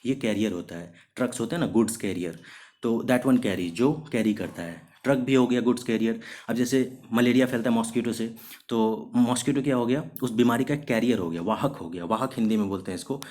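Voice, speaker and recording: This recorded video lesson features a man teaching English vocabulary in a mid-range, slightly mellow voice. His explanations go step by step in Hindi with English words mixed in; he questions and answers himself and slows markedly to read example sentences.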